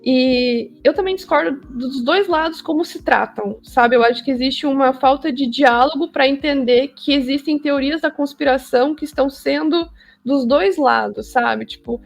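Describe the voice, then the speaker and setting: A woman's voice: high-pitched, normal speed, gravelly, faint music behind. A Brazilian woman in a casual interview, giving opinions in an emphatic, slangy way and repeating phrases for stress. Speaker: interview guest.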